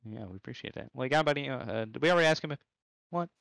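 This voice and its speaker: A man's voice: medium pitch, racing, creaky, no echo, poor audio. A man commentating and interviewing a driver in a chatty, stumbling casual way. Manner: lively, chatty, stumbles and repeats words.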